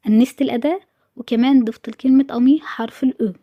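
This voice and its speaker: A woman's voice: fairly high pitch, steady tone, racing, muffled recording. A woman with an Egyptian Arabic accent teaching French in an exam review, repeating each word and answering her own questions. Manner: drills words with repetition, asks and answers own questions.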